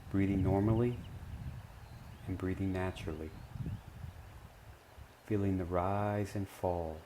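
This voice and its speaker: A man with a low voice leads a guided meditation, speaking gently in short, measured phrases separated by long pauses. Slight background noise can be heard.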